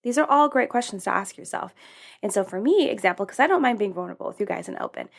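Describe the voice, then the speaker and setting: A woman's voice: medium pitch, expressive, fast, gravelly. A woman hosting a self-help podcast, talking candidly in a casual, rambling way with fillers and self-corrections. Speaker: podcast host.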